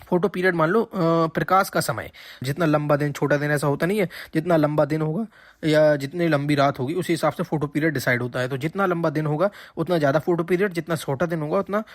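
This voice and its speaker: A man gives an exam-prep lecture in a slightly high voice. He explains patiently, repeats the key points and keeps checking that students follow. The sound is dry and close to the mic. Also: fast, dry recording. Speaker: teacher.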